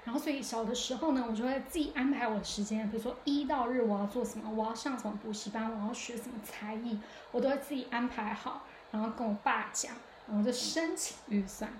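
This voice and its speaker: A podcast host delivers a relaxed, chatty solo monologue, thinking aloud with frequent hesitations and restarts. Her voice is slightly high, her pace quick with few pauses, and the echoey room recording carries a little hiss or hum.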